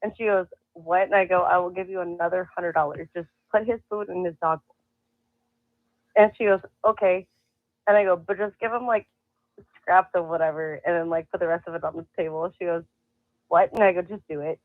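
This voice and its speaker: A woman's voice: lowish voice, fairly quick, no room sound. A woman guest telling a story in casual chat, laughing often and acting out what people said. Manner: animated, laughing, acts out quotes. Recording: tinny phone-like call audio.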